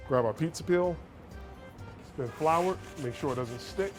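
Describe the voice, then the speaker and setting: A man from a pizza restaurant, describing the place and making a pizza in a steady, matter-of-fact way. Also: a little high, measured pace, faint music behind. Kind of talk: interview and cooking demonstration.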